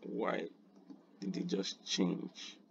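A man hosting a screen-recorded design tutorial, unhurried and thinking aloud with quiet muttered asides. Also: sits low, little pitch movement, gravelly, lo-fi sound, a little hiss or hum.

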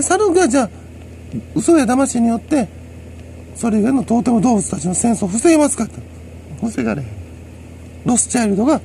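Rambling Kansai man, gravelly and dark. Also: very high-pitched, a little hiss or hum. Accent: Kansai Japanese. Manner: rambling, chuckling, lecturing. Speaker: solo commentator. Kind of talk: rambling monologue.

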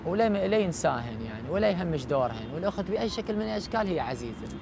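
Iraqi male cleric as interview guest, quick but halting, high-set voice, clear traffic noise behind. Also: sing-song. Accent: Iraqi Arabic. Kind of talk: reflective interview talk. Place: outdoors at night in a city park.

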